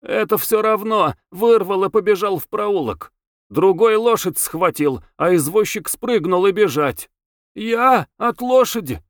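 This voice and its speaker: Brisk, chatty townsman, put on by a male reader, raised and hurried, audiobook. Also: high voice, lively intonation, no room sound, studio quality, voice pushed up. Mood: excited. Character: excited chatty townsman, bearded.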